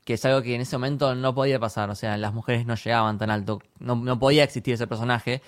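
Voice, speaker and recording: A man with a Rioplatense accent talks casually as a podcast co-host. He chats in an easy, conversational way and keeps dropping in quick agreement. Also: medium pitch, steady tone. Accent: Rioplatense Spanish. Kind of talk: casual chat reviewing a series.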